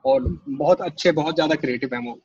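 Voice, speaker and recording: A man's voice: on the high side, big pitch swings, quick pace, gravelly, a little mellow, husky, dull audio. A man, a guest in a casual interview, telling stories animatedly, acting out quotes and cracking crude jokes. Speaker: assistant director guest. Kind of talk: casual conversation.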